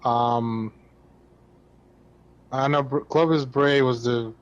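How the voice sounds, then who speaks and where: A man's voice: mid-range voice, steady tone, slow, muffled recording. A man co-hosting a casual gaming podcast, explaining game lore in a rambling way with lots of fillers. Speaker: podcast co-host.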